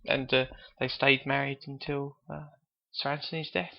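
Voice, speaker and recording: A man's voice: medium pitch, level tone, moderate pace, gravelly, a crowd in the background. A man co-hosting a podcast, chatting casually and hesitantly about an old film, with a light chuckle. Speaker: podcast co-host. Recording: dull lo-fi podcast audio.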